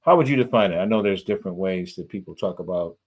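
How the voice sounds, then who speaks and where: A man's voice: sits low, expressive, fast talker, breathy edge. A man hosting a podcast, asking casual, rambling questions with lots of fillers. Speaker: podcast host. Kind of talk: podcast interview.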